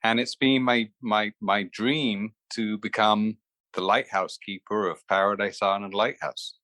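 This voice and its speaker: A man's voice: lowish voice, little pitch movement, unhurried, bright, forceful tone, no echo. A man from the Bahamas, an entrepreneur speaking as a guest over a video call, earnest and repeating himself as he explains.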